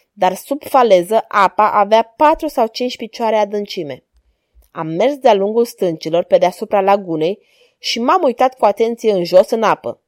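Warm-voiced woman reading a story. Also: medium pitch, no room sound, clean studio sound. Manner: calm, even reading. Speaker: narrator. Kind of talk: storybook narration.

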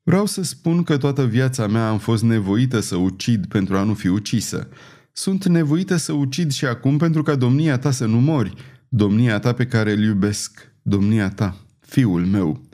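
A man reading an audiobook, voicing an aging, bitter, scheming queen mother in a grave, measured manner. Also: mid-range voice, animated, dark tone, lightly acted.

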